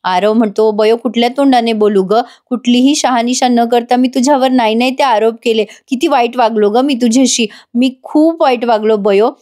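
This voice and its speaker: Lively woman narrating a serial recap. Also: fairly high pitch, normal speed, hardly any pauses. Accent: Marathi. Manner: lively, shifts into the characters' lines with mild emotion; chatty asides straight to the viewers. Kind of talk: storytelling recap, voicing every character herself.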